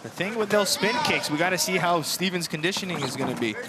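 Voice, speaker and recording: A man's voice: sits high, lively intonation, fast talker. A man giving casual live fight analysis as an expert kickboxing commentator. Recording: loud arena noise behind commentary.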